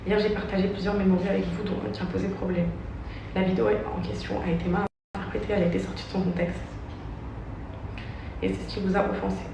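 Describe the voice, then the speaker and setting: Echoey young woman making an earnest, halting apology. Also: medium pitch, flat delivery, creaky. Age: young adult. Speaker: social media influencer. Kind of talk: personal statement read aloud to followers. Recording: noisy, very echoey, distant microphone.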